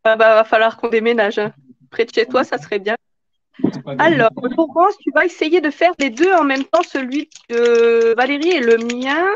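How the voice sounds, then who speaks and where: A woman's voice: fairly high pitch, normal speed, no echo, muffled recording. A woman hosting a live craft tutorial in casual chat, answering viewer comments as she works.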